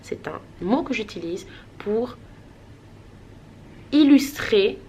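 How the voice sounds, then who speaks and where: A woman's voice: a little high, lively intonation, slow pace, darkish tone, breathy edge. Chatty woman vlogger, rambling and hesitant. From Switzerland. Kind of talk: casual vlog chat.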